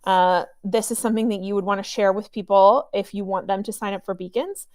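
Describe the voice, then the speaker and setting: A woman hosting a live software training webinar, chatty and upbeat, with a cough drop in her mouth. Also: medium pitch, brisk, no echo, clean studio sound. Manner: chatty, upbeat, friendly with filler ums.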